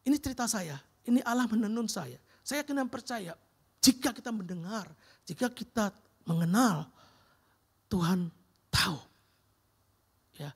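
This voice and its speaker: A middle-aged man preaches in a church sanctuary, weaving his own story of hardship and answered prayer into the sermon. His voice is gravelly and a little husky, and he keeps the telling lively, tossing a casual "Bro" at his listeners. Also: high-pitched, a little slow, pauses often. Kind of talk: sermon with personal testimony.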